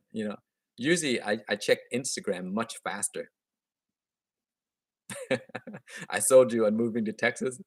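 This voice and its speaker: On a dry, clean studio-sounding recording, a man with a lowish voice hosts a casual live stream from a room at home via webcam. He's a gardening channel host in his thirties, a native Vietnamese speaker with a slight accent, who answers viewer comments cheerfully and chattily while often restarting what he says.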